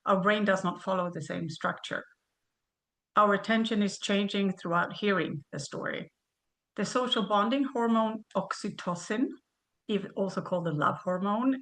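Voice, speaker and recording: A woman in her fifties from Sweden, reading a prepared webinar presentation in a measured way over a video call. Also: mid-range voice, fairly bright tone.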